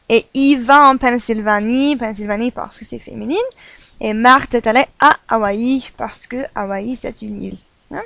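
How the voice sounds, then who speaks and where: A woman's voice: a little high, fairly bright tone. A woman gives a French grammar lesson in a slightly raised voice, patiently repeating each example. The recording is dry, with no room echo. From United States. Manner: patient, repeats examples, fills with "voilà" and "euh". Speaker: French teacher.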